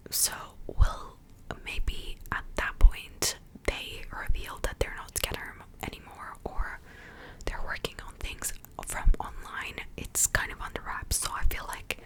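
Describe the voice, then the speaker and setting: A woman whispers close to the microphone in casual, gossipy ASMR chat, as if sharing a secret, conversational and opinionated. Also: poor audio. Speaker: ASMR host.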